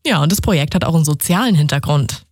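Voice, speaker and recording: A woman's voice: low-pitched, animated, fast, a little mellow, slightly rough, dry recording, studio quality. A woman hosting an evening regional radio news show, presenting in an upbeat, chatty scripted style. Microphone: studio microphone.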